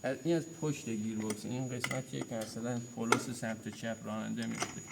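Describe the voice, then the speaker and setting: A man's voice: medium pitch, steady tone, vocal fry. Man teaching in a noisy workshop. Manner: explains by pointing at parts, repeats key terms. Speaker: mechanics instructor. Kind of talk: hands-on workshop lesson. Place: auto repair workshop.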